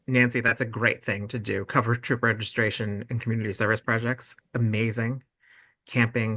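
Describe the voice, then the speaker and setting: A young man with a medium-pitched, pushed and bright voice hosts a casual video-call meeting for volunteers and parents. He's bubbly and effusive, gushing over their ideas.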